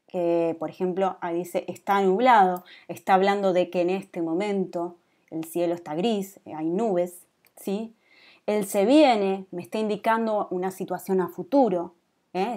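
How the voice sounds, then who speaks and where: A woman's voice: mid-range voice, darkish tone. A woman in her thirties with a Rioplatense Spanish accent, lecturing a design class and checking in with students with a frequent "¿sí?". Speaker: teacher.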